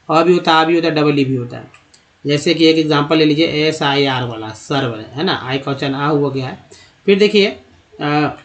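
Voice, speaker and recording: A man with a slightly higher voice leads an English phonics lesson. He explains each spelling slowly and patiently, then poses a question to the viewers and answers it himself. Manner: explains step by step, asking and answering his own questions. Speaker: English teacher.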